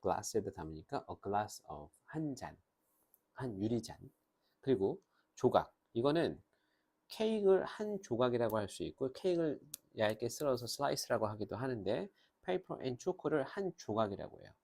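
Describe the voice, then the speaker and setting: A man teaching English grammar in a lively lecture, pausing to say English phrases slowly and clearly. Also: mid-range voice. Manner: animated, switches between Korean and slow, drawn-out English phrases.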